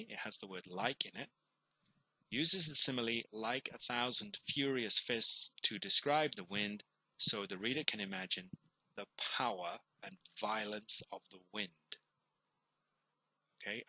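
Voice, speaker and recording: A man teaching a recorded online lesson, walking students through each point with small fillers and repeats. His voice is strikingly bright and forceful, with a husky edge. The sound is dry and close, with no room around it. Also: lowish voice, dry recording, poor audio. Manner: explains step by step, with fillers and repeated words.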